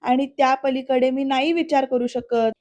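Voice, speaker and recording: A woman reading the lines of a calm, gently firm woman doctor. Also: high-pitched, moderate pace, muffled recording, lightly acted. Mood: gentle. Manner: patient, explaining.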